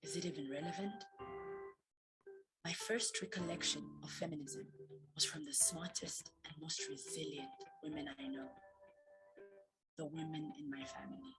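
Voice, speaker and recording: Low-voiced woman narrating over music. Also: animated, normal speed, pauses often, rough recording. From Zambia. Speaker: student storyteller. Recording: narration with faint background music.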